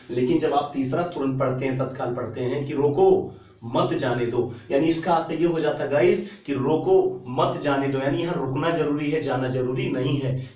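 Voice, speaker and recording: A man's voice: fairly high pitch, a little mellow. A man teaching an exam-prep grammar lesson. He repeats key terms and keeps addressing his viewers as "guys". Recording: echoey room, voice far from the mic.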